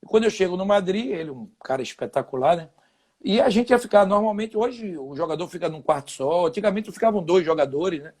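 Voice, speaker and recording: High-voiced man telling lively stories. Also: fairly quick. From Brazil. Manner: animated anecdote telling with laughs and quoted dialogue. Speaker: guest, former footballer. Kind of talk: casual interview storytelling.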